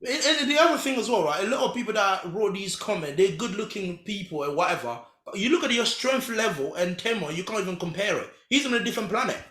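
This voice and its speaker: A man's voice: sits high, lively intonation, quick pace, few pauses, pushed and bright. A man in his thirties hosting a casual podcast chat, talking in a heated, emphatic way and often repeating himself. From Africa. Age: 30s. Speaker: podcast host. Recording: roomy echo.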